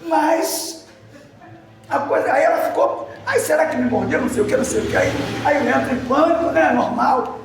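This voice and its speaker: Man, deacon, sermon, very high voice, animated storytelling, shouted emphasis, far from mic, echoey church hall. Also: moderate pace, slight background noise. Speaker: deacon preacher.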